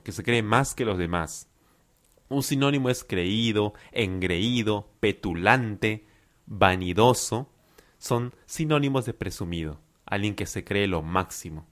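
Man, Peruvian accent, language teacher, lowish voice, patient, repeats himself, lists synonyms. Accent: Peruvian Spanish. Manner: slow and patient, repeats phrases and gives synonyms. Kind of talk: explaining vocabulary.

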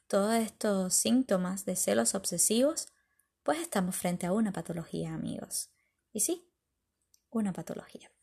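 A woman's voice: mid-range voice, gravelly. A woman hosting a chatty advice podcast, reading listener comments and telling jokes. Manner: chatty, tells jokes, animated voice. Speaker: podcast host.

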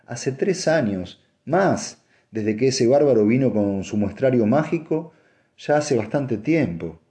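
A man's voice: animated, takes it slowly, dark tone. A man reading an audiobook and voicing a haughty, scheming noblewoman with a cold, cutting manner. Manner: cutting, mocking, rising to shrill insistence.

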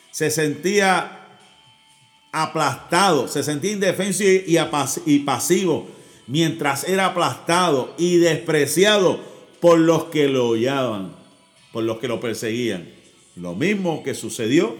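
Give me a man preaching a sermon, stopping to ask the congregation "right?". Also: a little high. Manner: repeats words and asks "right?" to the congregation. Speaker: pastor.

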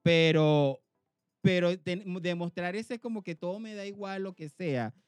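A man co-hosting a podcast, chatting casually in a somewhat high voice. He is animated and slips into quoted voices as he talks. The recording is dry and close. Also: measured pace, smooth, no echo. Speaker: podcast co-host. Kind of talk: casual chat.

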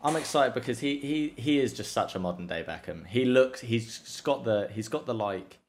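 A man's voice: medium pitch, moderate pace. Sweary, rambling young man. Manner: sweary, rambling, animated retelling. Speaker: podcast co-host. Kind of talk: casual chat.

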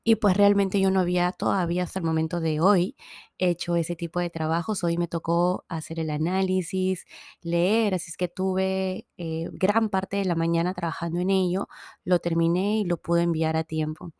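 A woman's voice: fairly low pitch, steady tone, moderate pace, darkish tone, no echo, studio quality. A woman, hosting a podcast in a chatty, casual monologue full of fillers and restarts, sounding a little tired. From Peru. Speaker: podcast host.

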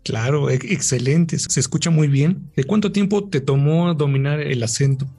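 Male host, slightly high, husky voice, brief encouraging questions. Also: normal speed, warm tone, faint music behind. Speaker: interviewer. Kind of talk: casual interview.

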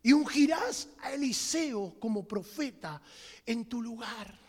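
Male preacher, very high voice, fiery delivery with shouted peaks, long hall echo. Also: expressive, slow pace. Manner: impassioned, bursts into shouted emphasis; tells humorous stories to the congregation. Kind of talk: sermon.

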